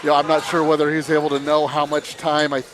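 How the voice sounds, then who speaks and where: A man doing live play-by-play commentary on a basketball game. He calls the action briskly and rises into shouts on the big plays. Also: on the high side, monotone, faint music behind. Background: basketball game noise.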